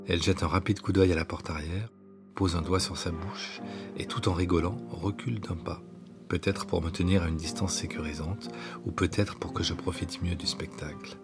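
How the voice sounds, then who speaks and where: Man, very deep voice, author reading his own story, intimate hushed narration, clear music underneath. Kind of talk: scripted autobiographical narration.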